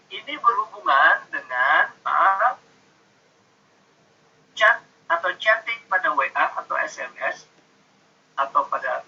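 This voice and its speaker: A man's voice: fairly high pitch, pushed and bright, muffled recording, slight background noise. A man giving an online university lecture, explaining patiently with many fillers and acting out example intonations. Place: home, online class.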